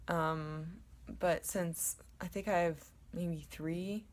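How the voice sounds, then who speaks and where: A young woman vlogging casually at home to a camera, with a low voice and a rambling, chatty way of talking full of ums. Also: steady tone, takes it slowly. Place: at home, indoors in her apartment. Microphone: camera in front of her.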